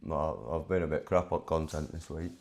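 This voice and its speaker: A man's voice: a bass voice, normal speed, creaky, darkish tone. A man chatting casually on a live stream, reading out figures and restarting his sentences. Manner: reads out statistics, chatty with restarts.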